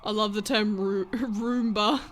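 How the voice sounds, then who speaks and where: Easily amused woman streamer, bright and slow-spoken, casual chat over faint home noise. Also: medium pitch, fairly even intonation. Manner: giggly, chatty, easily amused. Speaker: streamer playing a roleplay game. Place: home room with a vacuum running.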